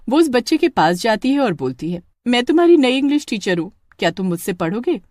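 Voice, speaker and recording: A woman narrating a horror story in an expressive, storytelling way. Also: fairly low pitch, dry recording, studio quality.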